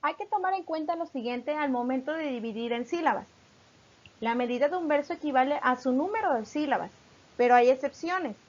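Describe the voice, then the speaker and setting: Here a teacher from Mexico, a woman with a high-pitched voice, talks through a recorded lesson, patiently explaining and slowly reading out examples. The audio is dull.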